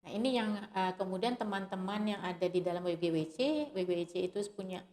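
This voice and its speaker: A woman activist answering interview questions in a measured way, often pausing on "eh" and starting points with "nah". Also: lowish voice, fairly even intonation, darkish tone. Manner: measured, with frequent "eh" fillers and "nah" openers. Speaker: guest, women's rights activist.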